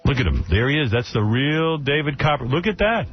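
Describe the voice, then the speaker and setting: A man's voice: mid-range voice, big pitch swings, a little fast, dull audio, faint music behind. A male radio host in his studio, trading crude, joking banter with his co-host and a guest.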